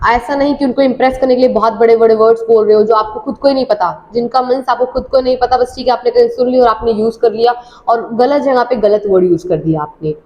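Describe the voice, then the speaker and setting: A woman from India, an English teacher, giving a casual IELTS speaking lesson. She explains in Hindi and reads the English tips slowly and clearly. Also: a little high, dull audio.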